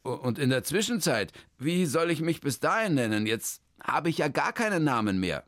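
A man's voice: fairly high pitch, very animated, normal speed, a bit bright, dry recording, clean studio sound, voice pushed up. Man doing a flustered stammering pianist. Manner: hesitant, stammering.

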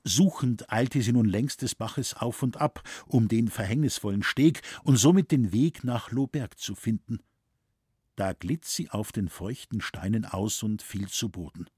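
A man narrating a novel as an audiobook in a measured, solemn way. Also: lowish voice, animated, darkish tone, husky, no room sound, clean studio sound. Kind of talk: scripted narration.

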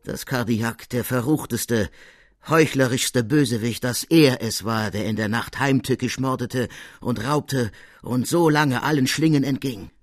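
A man's voice: mid-range voice, unhurried, dry recording, natural voice. Casting: frank, proud male guard officer, firm and emphatic, read by a male narrator in an audiobook.

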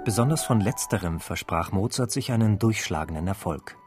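A man with a fairly low voice narrates a documentary script at a measured, even pace. Soft classical music plays quietly underneath him, and his delivery stays steady and composed throughout. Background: faint classical music.

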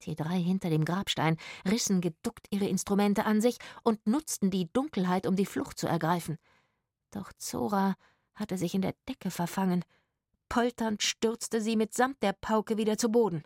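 A woman narrating a children's storybook in scripted, expressive style. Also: mid-range voice, normal speed, dry recording, studio quality. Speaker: audiobook narrator.

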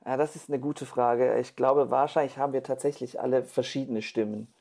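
A man with a dark, gravelly voice answers an interviewer thoughtfully. He hesitates, restarts and searches for the right words as he goes. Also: mid-range voice, steady tone, brisk. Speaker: interview guest, performer and author.

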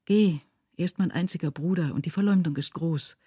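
A woman's voice: lowish voice, a little fast, mellow, slightly rough, dry recording, clean studio sound. A woman reading aloud, voicing an anguished, poor widowed village mother who speaks urgently and vehemently. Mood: pleading.

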